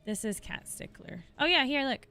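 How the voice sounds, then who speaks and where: Brief: bubbly woman streamer, bright voice with lively swings in pitch, faint music under her. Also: normal speed. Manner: bubbly, reads out chat and thanks subscribers. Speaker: livestreamer. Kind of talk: casual livestream chat while gaming.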